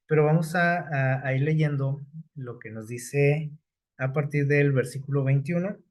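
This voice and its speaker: A man preaching a sermon, unhurried, often pausing on fillers and checking with his listeners. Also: on the high side, darkish tone.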